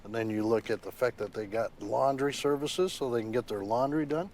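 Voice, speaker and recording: A man speaking as a sheriff in a documentary interview, calmly laying out facts and figures. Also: mid-range voice, a little fast, a little hiss or hum. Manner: matter-of-fact, explains with figures.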